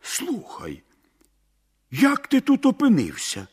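A man's voice: very high voice, wildly swooping pitch, slow, darkish tone, breathy edge, voice pushed up, full character voice. A man voicing astonished villagers who question a man they thought drowned.

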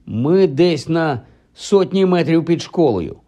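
Man voicing a shrill know-it-all schoolgirl. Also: expressive, slow, dark tone, full character voice. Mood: shrill fussy. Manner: high squealing, flustered.

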